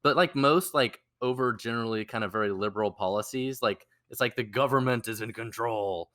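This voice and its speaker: A man co-hosting a casual podcast discussion, speaking in a measured way and hedging his points with fillers. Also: medium pitch, fairly bright tone, no room sound, clean studio sound. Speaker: podcast co-host.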